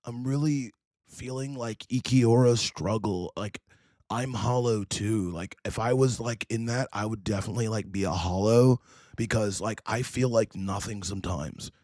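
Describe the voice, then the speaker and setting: A man's voice: fairly low pitch, a little mellow, no room sound, studio quality, close to an everyday voice. A man putting on a mopey emo teenage boy. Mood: brooding. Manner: mopey, halting, full of "like". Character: moody emo teenage boy, brooding and self-pitying.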